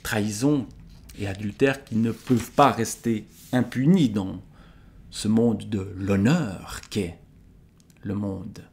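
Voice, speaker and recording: A man reading a medieval text aloud at a very slow, deliberate pace, with a Swiss French accent. His voice is low and gravelly. He breaks off now and then for thoughtful, halting remarks. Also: steady tone, a little mellow. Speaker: literature book reviewer.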